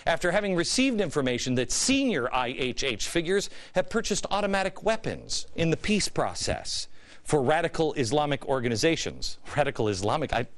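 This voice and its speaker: A man's voice: a little high, fairly bright tone. An American man hosting a political commentary show, delivering a sarcastic, mock-innocent monologue full of repeated phrases and pointed rhetorical questions.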